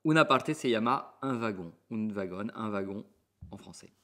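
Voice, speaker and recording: A man from France with a French accent, teaching a language lesson and repeating words slowly for practice. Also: lowish voice, expressive, pushed and bright.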